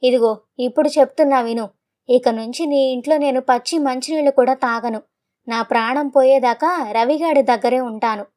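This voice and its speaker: A woman voicing a proud, angry old father over seventy who shouts and scolds. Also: sits high, moderate pace, close to an everyday voice. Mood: furious.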